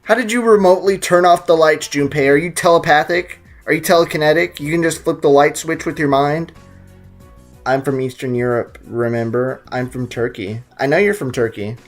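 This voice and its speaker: Over a faint bed of game music, a young man on YouTube provides casual let's-play commentary, joking and rambling excitably. He speaks on the high side at a moderate pace.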